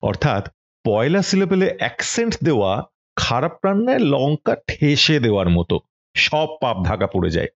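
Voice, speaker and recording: Male audiobook reader, husky, measured and expressive, dull lo-fi sound. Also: mid-range voice. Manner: measured, expressive literary reading. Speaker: storyteller reading a book aloud. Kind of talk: audiobook reading.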